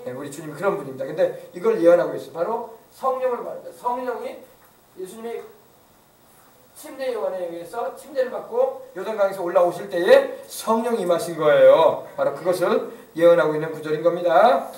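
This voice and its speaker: Male pastor preaching, high voice, keeps asking the crowd questions, echoey church, mic kinda far. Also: animated, brisk, darkish tone, a little hiss or hum. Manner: asks the congregation questions, emphatic preaching. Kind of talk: sermon.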